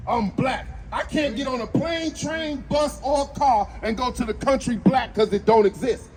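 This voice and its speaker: A man preaching on a city street, forceful and argumentative as he quotes scripture. His voice sits high for a man, with faint noise behind him. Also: moderate pace. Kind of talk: street preaching and Bible teaching.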